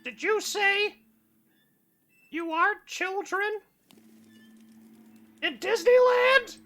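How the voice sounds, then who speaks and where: A sinister theme-park mouse acted out by a woman in a very high, squeaky cartoon falsetto. He is falsely cheery with menace underneath, bright and piercing. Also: drawn-out words, heavily acted. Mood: menacing.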